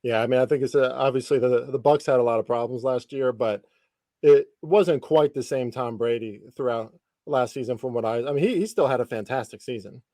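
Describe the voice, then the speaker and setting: A podcast host in his thirties interviews a guest and chats casually about sports, using slangy, informal language with a bit of light swearing. His voice is mid-range, brisk and warm. The recording is dry and of studio quality.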